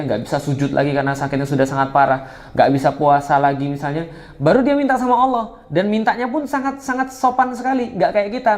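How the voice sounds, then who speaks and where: A male preacher with a high voice delivers an Islamic study lecture. He talks to his listeners conversationally, correcting himself often and dropping in teasing asides.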